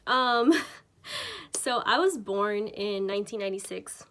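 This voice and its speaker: Her pace is slow and her intonation lively, with a fairly bright, medium-pitched voice. She's a church member in her twenties from Mexico, recounting her faith testimony to camera in an informal, unpolished style marked by frequent ums and self-corrections.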